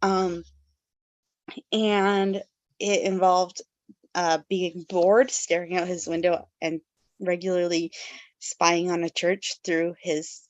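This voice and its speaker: A woman's voice: lowish voice, level tone, slow, pauses often, dry recording, lo-fi sound. A woman hosting a casual book club podcast, reading background notes and then summarizing the story with fillers and laughs. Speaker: podcast host.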